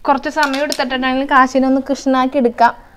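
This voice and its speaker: A woman's voice: sits high, little pitch movement, quick pace, fairly bright tone, slight background noise. Chatty young mother vlogging at home. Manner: chatty, coaxing, switches between talking to viewers and her child. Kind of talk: casual home vlog with her toddler. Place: home indoors.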